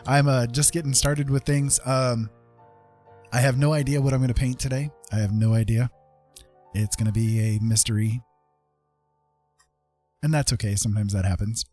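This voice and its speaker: A streamer who does digital painting chats in a laid-back way, thinking aloud as he works while piano music plays. His mid-range voice is steady and darkish, at a normal speed with frequent pauses.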